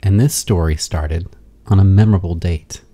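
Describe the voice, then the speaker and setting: A man reading scripted documentary narration in a measured, unhurried way. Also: low voice, mellow.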